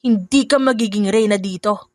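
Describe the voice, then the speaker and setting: A woman's voice: medium pitch, normal speed, no room sound, studio quality, lightly acted. A woman voicing a scheming stepmother who snaps scornfully at her stepdaughter and turns sweet on phone calls. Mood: scolding. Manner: sharp, scornful, sugary when on calls.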